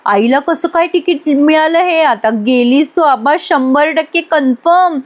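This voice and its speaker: Woman voicing teenage girl, defensive, quick excuses, high voice. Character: fibbing teenage college girl.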